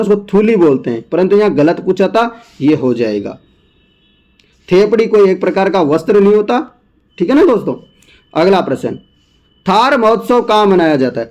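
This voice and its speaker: Coaching teacher, male, high voice, folksy and coaxing. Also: a little mellow. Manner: chatty, repeats answers, coaxing asides to viewers. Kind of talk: exam question walkthrough lesson.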